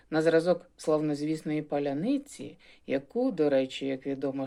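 A woman philologist giving a prepared talk on phonetics, explaining with gentle irony and demonstrating sample pronunciations. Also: lowish voice. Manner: ironic, explanatory, models pronunciations. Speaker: university philologist.

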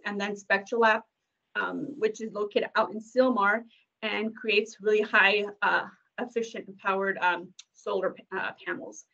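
A woman from a company's community engagement team presenting slides on a video call, filling pauses with many ums and uhs. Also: medium pitch, gravelly, a bit bright. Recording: dull lo-fi video call audio.

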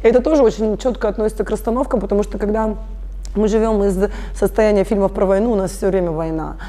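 A woman in her thirties who facilitates family constellations explains her work in a conversational interview, speaking fast in a mid-range, dark-toned voice. She is earnest and explanatory, addressing listeners directly.

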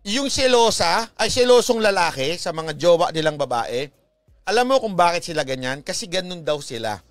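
A man's voice: high-pitched, lively intonation, normal speed, no echo, soft background music. A man with a Filipino accent giving chatty, teasing commentary, laughing often and mixing Tagalog and English. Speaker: vlogger commentator. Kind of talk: casual commentary.

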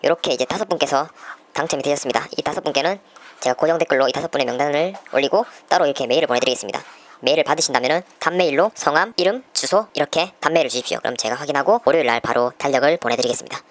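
A man's voice: a little high, very fast. A man hosting a YouTube channel, presenting a giveaway winner announcement in polite, formal phrasing.

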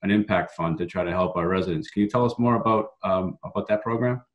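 A man's voice: low-pitched, quick pace, muffled recording. A man in his thirties hosting a video call interview from a home room, friendly and thankful with small hesitations. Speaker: town manager hosting a talk show. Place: home room with framed pictures. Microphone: laptop webcam video call.

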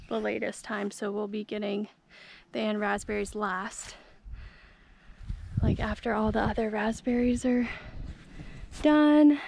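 A young woman talks her way slowly and easily through a garden tour, her voice sitting a little high. She fills her speech with casual fillers. A handheld camera catches her outdoors, with faint country noise behind her. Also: creaky, a little mellow. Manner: easygoing, chatty, lots of fillers. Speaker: homestead vlogger. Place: outdoors in a rural garden on a hot day. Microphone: handheld action camera.

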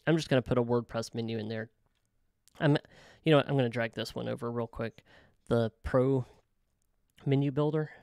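A man casually talking through a software tutorial, thinking aloud with frequent ums and self-corrections. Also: mid-range voice, clear, resonant tone, dry recording, clean studio sound. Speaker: web developer tutorial host. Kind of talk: casual screen-recorded software walkthrough.

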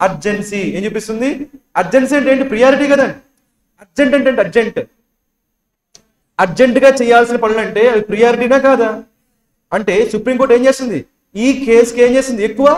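A man with a Telugu accent teaching an English exam lesson, quizzing students and repeating each answer. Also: high voice. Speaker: English teacher for bank exams. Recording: echoey room.

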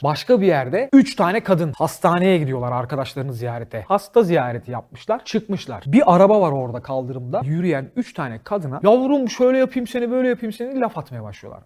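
A man hosting a comedy show, joking and cursing freely in an animated monologue, often laughing as he talks. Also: mid-range voice. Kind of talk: stand-up style monologue to a studio audience.

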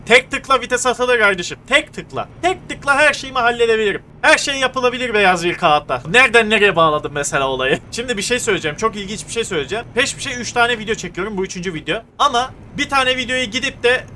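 A man's voice: very high voice, fast talker, hardly any pauses, a little hiss or hum. A young man commentating his truck-driving game, ranting and cursing at other drivers. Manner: excitable, swears and rants at other drivers. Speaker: gaming streamer. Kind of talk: casual gameplay commentary.

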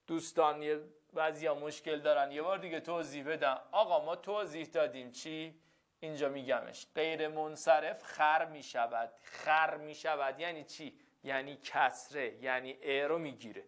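A man's voice: fairly high pitch, steady tone, a bit bright. A male teacher giving a classroom lesson, repeating phrases and often checking that the students follow.

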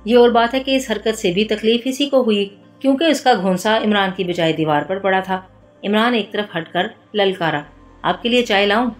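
A woman narrating a detective novel as an audiobook in a steady storytelling voice, with music behind her. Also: mid-range voice, moderate pace. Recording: soft background music.

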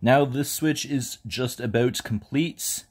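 A man's voice: medium pitch, slow pace, slightly rough. Laid-back man giving how-to steps. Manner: relaxed step-by-step instructions. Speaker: tech tutorial host. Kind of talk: casual how-to walkthrough. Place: indoors, filming over a bed.

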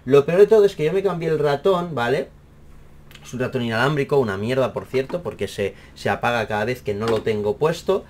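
A young man with a Spain Spanish accent, casually explaining a camera problem in an animated, exaggerated way, full of fillers and swearing. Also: medium pitch, a little fast. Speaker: math teacher and YouTuber. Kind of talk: casual rambling tech explainer.

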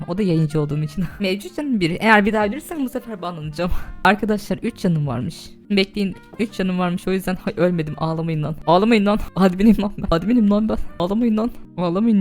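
A woman's voice: on the low side, a little mellow. A young woman chatting casually while streaming a game live as server admin, talking to her chat with bursts of laughter and shrieks.

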